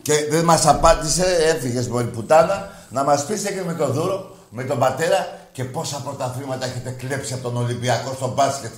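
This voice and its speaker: A man co-hosting a sports call-in show, shouting insults at callers in rough banter. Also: mid-range voice, lively intonation, hardly any pauses, reverberant. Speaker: radio sports show co-host. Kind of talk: casual heated call-in banter.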